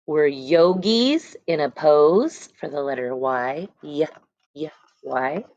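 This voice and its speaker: This is an elementary school teacher reading to her class of young kids from a picture book, her low voice slow and somewhat dark in tone. She stresses words and letter sounds and explains things briefly. There's no echo, but the highs are cut off.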